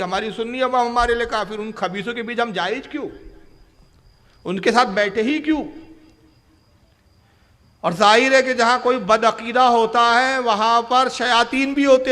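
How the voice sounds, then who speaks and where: A man's voice: high-pitched, fairly bright tone. A man preaching a sermon in an emphatic, challenging way. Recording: echoey hall reverb.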